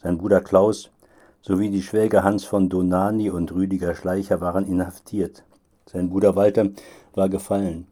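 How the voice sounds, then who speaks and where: Low mellow-voiced guy reading a phone devotion, calm and steady. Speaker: pastor giving a phone devotion. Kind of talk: read devotional sermon. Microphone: phone line recording.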